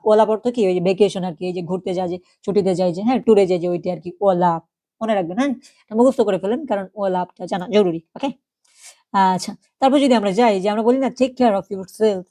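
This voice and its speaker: A woman's voice: medium pitch, mellow. A woman teaching a recorded German class. She asks the class questions and repeats each German phrase twice. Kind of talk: recorded online language class.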